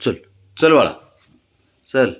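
Slow, coaxing man talking to his pet. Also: medium pitch, big pitch swings. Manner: coaxing, teasing baby talk to a pet. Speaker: pet owner. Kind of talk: casual home video talking to a pet cat. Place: home, indoors. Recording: echoey room at home.

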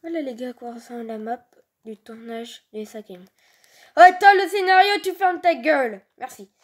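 A woman's voice: high voice, normal speed. A woman with a youthful voice doing improvised, slangy, exclamatory role-play over video game footage. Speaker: gaming video creator voicing characters. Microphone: handheld phone filming a screen.

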